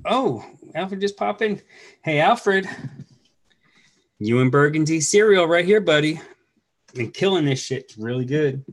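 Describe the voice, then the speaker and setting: A man's voice: fairly high pitch, lively intonation, a little slow, pauses often. A middle-aged man hosting a casual chat over a video call, talking in a laid-back, blunt way and swearing now and then. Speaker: host. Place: home room.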